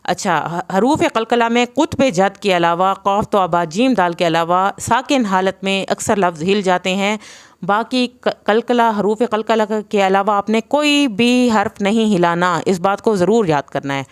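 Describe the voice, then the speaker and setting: A woman teaching Quran recitation in an online lesson, patiently spelling out letter sounds and slowing down to model each one. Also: medium pitch, clear, resonant tone.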